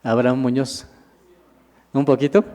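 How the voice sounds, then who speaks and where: Preacher in a reverberant hall. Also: male voice, mid-range voice, flat delivery, unhurried, dark tone. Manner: keeps asking the congregation questions and answering them himself; calls listeners "hermanos". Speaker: minister. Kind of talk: sermon, Bible teaching with slides. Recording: long reverb of a large hall.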